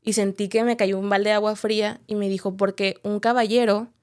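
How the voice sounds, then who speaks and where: A woman's voice: mid-range voice, little pitch movement, brisk, clear, resonant tone. Candid woman telling her story. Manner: candid, reflective storytelling with frequent tag questions. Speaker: podcast guest. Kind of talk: personal testimony in a podcast interview.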